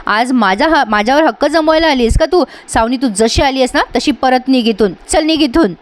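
A woman's voice: high voice, brisk, no room sound, lightly acted. A woman retelling the lines of an angry young man who rejects his sister in a TV serial. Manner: scolding, indignant.

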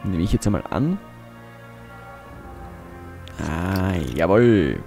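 Slow-talking, low-pitched man commenting on a game. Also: lively intonation, vocal fry, over music. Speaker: let's play host. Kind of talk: casual gameplay commentary.

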